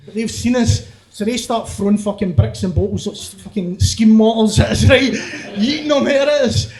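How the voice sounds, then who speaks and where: A middle-aged Glaswegian comedian with a notably high voice for a man, telling a story on stage. He is rowdy and sweary, laughing through his own telling. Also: normal speed, darkish tone. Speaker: stand-up comedian. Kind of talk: stand-up storytelling.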